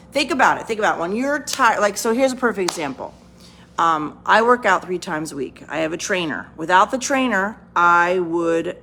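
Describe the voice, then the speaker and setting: Chatty woman with a gravelly voice. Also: medium pitch, a bit bright, slight background noise. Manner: chatty, rambling, asks "right?" often. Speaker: vlogger. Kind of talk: casual motivational talk to camera. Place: home, on the couch.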